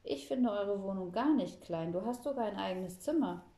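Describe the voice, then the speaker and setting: A dry, teasing old grandfather from India, as a woman reads him out in a children's storybook. The voice is mellow and dark, and the calm, wry delivery carries a roomy echo. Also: medium pitch, normal speed, natural voice.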